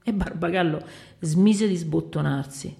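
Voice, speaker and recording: A woman reading a short story aloud in an expressive storytelling manner. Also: on the low side, measured pace, creaky.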